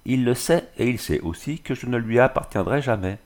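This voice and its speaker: A man's voice: mid-range voice, expressive, fairly quick, a little mellow, pitched above the performer's own voice, natural voice. A man reading the part of a proud, defiant young wife in an audiobook, firm and disdainful.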